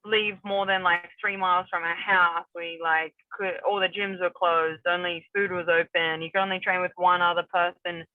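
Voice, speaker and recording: On the low side with little pitch movement, a young New Zealand MMA fighter talks at normal speed, barely pausing, in a casual interview. She rambles with lots of fillers and restarts, and the dry remote call sounds tinny, like a phone.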